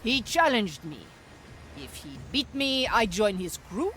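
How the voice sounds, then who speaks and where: A woman's voice: on the high side, very animated, measured pace, fairly bright tone, a little hiss or hum. A woman voicing a swaggering, sly pirate storyteller in a video game, wry and self-assured. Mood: wry, boastful.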